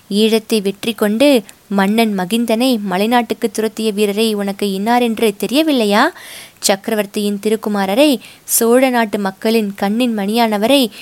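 A woman voicing a fierce, loyal boatman's wife who shouts in shrill, impassioned bursts. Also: no echo, close to an everyday voice. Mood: indignant. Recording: dry close recording.

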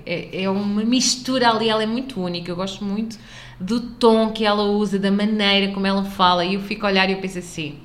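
A woman's voice: mid-range voice, a bit bright. A young adult woman with a European Portuguese accent, hosting a casual solo podcast in a chatty, digressive way. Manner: chatty and digressive, with frequent restarts. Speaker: podcast host.

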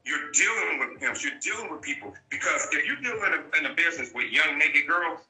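A man's voice: on the high side, expressive, fairly quick, sharp tone, echoey room, soft background music, rough recording. A man talking as an interview guest, telling his story bluntly and repeating key points for emphasis. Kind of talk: candid storytelling.

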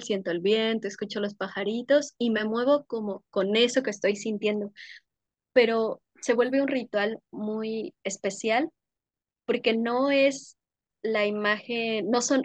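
A young woman speaking as an interview guest, her voice slightly high and recorded dry and close. She talks in a warm, gushing way, lingering on sensory details and breaking into easy laughter. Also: dry recording. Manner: warm, effusive, sensory descriptions with frequent laughs. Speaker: podcast guest, workshop leader. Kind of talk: casual conversational interview.

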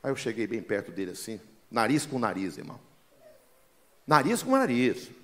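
A man's voice: medium pitch, normal speed. A man preaching a sermon as a pastor, telling folksy stories and often calling listeners "brother". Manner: lively, acts out the voices in his stories.

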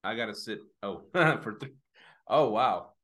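A man's voice: lowish voice, animated, unhurried, a bit bright. A man in his forties co-hosting a podcast in casual chat, hesitant and rambling, laughing easily. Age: 40s. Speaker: podcast co-host.

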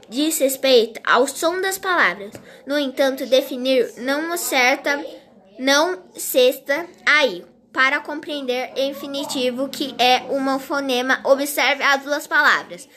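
Slow high-voiced woman reading a lesson. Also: a bit bright. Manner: slow, halting reading with restarts. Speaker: teacher. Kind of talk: reading a grammar lesson aloud.

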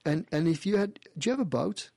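A male radio host with a fairly high voice gives a caller an animated, playful reading. He talks in a lively way and keeps restarting his phrases. The studio sound is dry and close. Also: fairly quick, creaky, dry recording. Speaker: radio show host doing past-life readings. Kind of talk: call-in radio talk.

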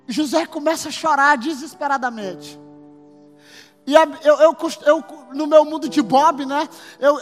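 A man preaching a sermon as pastor, emphatic and building to shouts. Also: very high voice. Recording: long hall reverb with faint music.

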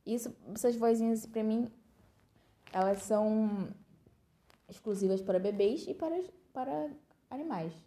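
A woman with a Brazilian Portuguese accent, hosting a podcast in expressive, exclamatory casual chat. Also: fairly high pitch, measured pace, pauses often. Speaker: podcast host.

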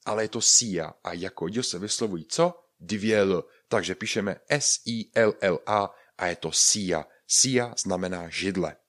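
Low-voiced Czech man teaching pronunciation. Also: hardly any pauses, a bit bright. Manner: explains patiently, repeats and spells out words, light jokes. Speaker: Spanish language teacher. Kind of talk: podcast pronunciation lesson.

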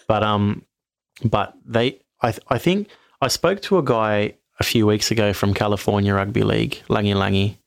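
A man's voice: lowish voice, moderate pace, creaky, no room sound. A man co-hosting a casual sports podcast, rambling and self-correcting, a little tipsy from wine. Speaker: podcast co-host.

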